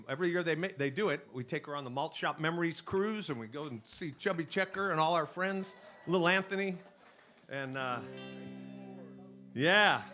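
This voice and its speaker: A middle-aged man from California telling jokey stories to a live audience on stage, chatty and animated, with restarts. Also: fairly high pitch. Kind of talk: stage storytelling with jokes.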